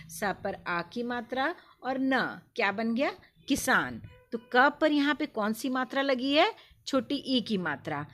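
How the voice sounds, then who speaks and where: A woman teaching a Hindi lesson to young children in a video. She speaks patiently, repeats words slowly and stresses each sound. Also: fairly high pitch, fairly bright tone, a little hiss or hum.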